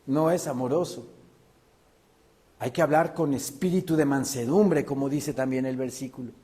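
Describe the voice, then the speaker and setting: A male pastor preaching a sermon, animated and acting out the voices he quotes. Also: mid-range voice, normal speed.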